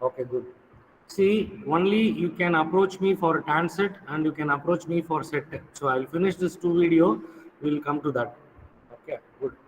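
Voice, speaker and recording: A man's voice: fairly high pitch, normal speed, big-room sound, slight background noise, poor audio. A man with a Tamil accent giving an informal, instructive lecture to students, often repeating his phrases.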